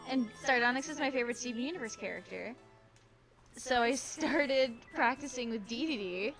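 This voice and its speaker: A woman's voice: fairly high pitch, animated, moderate pace, a bit bright, soft background music. A woman streamer chatting casually over a video game, giggly and prone to trailing off. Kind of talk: casual gaming stream chat.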